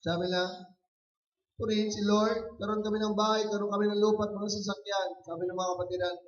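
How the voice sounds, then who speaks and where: A man preaching a sermon as a pastor, often shouting calls for applause. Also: high voice, little pitch movement, a little fast. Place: church hall. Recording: muffled, echoey church recording from far off.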